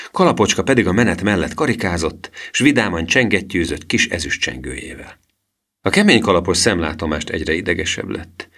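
A man narrating a children's storybook in an expressive reading style. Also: low-pitched. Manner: expressive reading with lively voice swings. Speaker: audiobook narrator.

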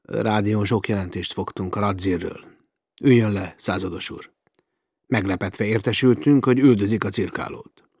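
A courteous old-school general offering help with formal politeness, as a male reader plays him. Low, husky and dry-sounding. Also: fairly even intonation, a little mellow, no echo.

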